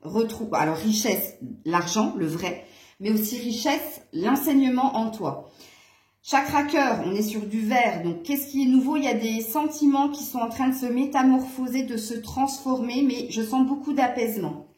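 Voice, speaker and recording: A woman's voice: fairly high pitch, normal speed, a little mellow. Chatty woman reading tarot. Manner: chatty, hesitant with many fillers, occasional laughs. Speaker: tarot reader. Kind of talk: casual tarot reading to viewers. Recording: echoey room.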